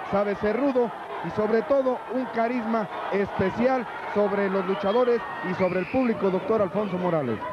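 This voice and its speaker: A man's voice: sits high, very noisy. A Mexican man giving conversational colour commentary on live lucha libre. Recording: muffled old TV tape, arena crowd.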